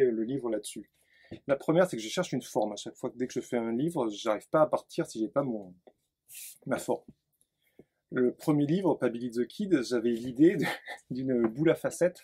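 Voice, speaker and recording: A man's voice: mid-range voice, darkish tone, breathy edge. A man, an author, reading his own text aloud and then explaining his work casually at a bookshop event, with many fillers. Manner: reads in a driving, escalating chant, then talks with many fillers.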